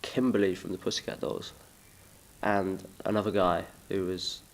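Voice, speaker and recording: A man's voice: low voice, flat delivery, moderate pace, vocal fry. A young man from England chatting casually in an interview, rambling and self-deprecating. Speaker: musician, interview guest.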